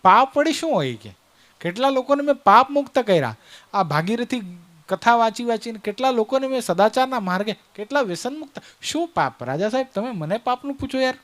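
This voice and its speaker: A man's voice: extremely high pitch, big pitch swings, a little fast, a bit bright, voice pushed up, heavily acted. A man voicing a smug, self-satisfied male storyteller preacher. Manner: smug, dismissive.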